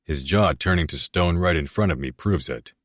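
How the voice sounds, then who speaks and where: A man narrating a romance audiobook in the first person, in a steady, measured reading. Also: rumbling low, no echo, clean studio sound.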